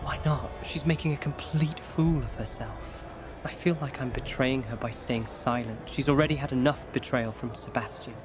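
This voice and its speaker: Man playing an earnest young student, medium pitch. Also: moderate pace, over music, natural voice. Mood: frustrated concern. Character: earnest, outspoken young male student, protective friend. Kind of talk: audio drama acting.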